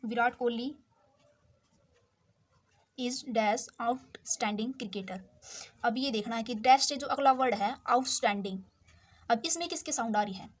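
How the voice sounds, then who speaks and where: A woman teaching English grammar, explaining example sentences step by step and checking in often with her listeners. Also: a little high. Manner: slow, repetitive explaining with frequent check-ins.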